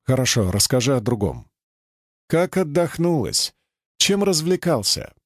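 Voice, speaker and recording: A male audiobook reader voicing a playful, sharp-tongued young woman soldier who teases her comrade. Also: mid-range voice, very animated, unhurried, no echo, studio quality. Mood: teasing. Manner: playful, teasing. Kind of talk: audiobook character voice.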